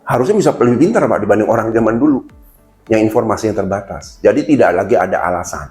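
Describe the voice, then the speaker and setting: A man's voice: on the low side, fast talker, faint music behind. A man giving a motivational seminar talk, addressing the audience directly and acting out little quoted exchanges. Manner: lively, addresses listeners as "Pak", acts out quotes. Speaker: motivational speaker.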